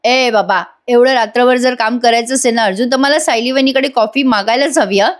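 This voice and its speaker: A woman's voice: a little high, brisk, natural voice. A woman voicing a sleepy young man who whines about late-night work, in a recap voice-over. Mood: whiny. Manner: whining and complaining. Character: sleepy young male friend, whiny. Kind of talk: recap voice-over reading of a soap scene.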